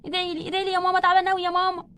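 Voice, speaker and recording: Brief: woman doing whimpering young doll in labour, Egyptian accent, high pleading voice. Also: completely flat delivery, rapid-fire, fairly bright tone. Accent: Egyptian Arabic. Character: suffering young mother-to-be doll, Barbie.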